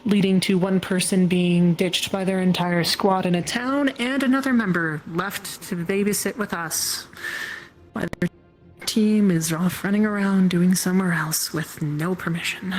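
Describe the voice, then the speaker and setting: A woman plays a dry, measured guard chatting on watch in a role-play game. Her voice is on the low side, with faint music underneath. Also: close to an everyday voice, low-quality recording. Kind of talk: improvised in-character role-play, conversational.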